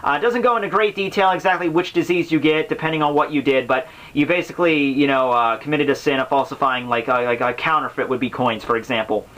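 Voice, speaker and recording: Talking fast with hardly any pauses, the host has a slightly high, fairly bright voice. It's casual explanatory commentary for a book summary series, rambling and slangy and marked by exaggerated exasperation.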